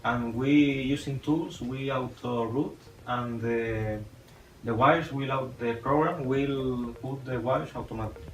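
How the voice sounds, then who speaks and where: A man with a Spanish accent explains how a circuit works in a plain, steady way. He sounds set back from the mic in an echoey room. Faint music plays behind him. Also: mid-range voice, unhurried, recorded from a distance. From Canary Islands, Spain. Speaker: student.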